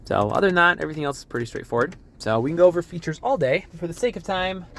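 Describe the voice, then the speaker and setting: A man's voice: on the high side, animated, a little hiss or hum. Easygoing man giving a car walkthrough. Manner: easygoing, laughs often, quick asides. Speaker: car dealership salesman. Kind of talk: casual vehicle walkthrough. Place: car dealership lot and vehicle interior.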